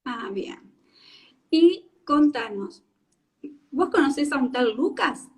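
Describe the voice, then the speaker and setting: A woman's voice: high voice, expressive, slow. A woman with an Argentine Spanish accent, a speech therapist hosting a live-stream interview over a video call, speaking in a friendly way with frequent filler sounds.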